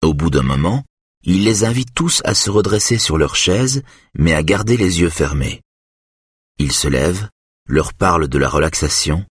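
A man narrates an audiobook in a measured, steady read. His voice is very low and husky. The recording is dry and close, with no room sound. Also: no room sound. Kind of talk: scripted narration.

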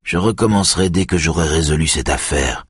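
A tense, withdrawn adult man in a recorded novel, speaking in short calm replies, voiced by the male narrator. The voice sits extremely low with a husky grain, recorded close and dry. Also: fairly quick, no room sound.

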